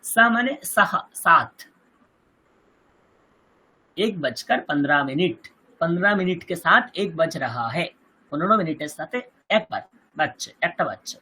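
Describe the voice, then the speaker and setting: A Sanskrit teacher with a Kolkata Bengali accent giving an online lesson over a video call, reciting terms slowly one by one and quizzing the class. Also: medium pitch, expressive, pushed and bright, slightly rough, poor audio.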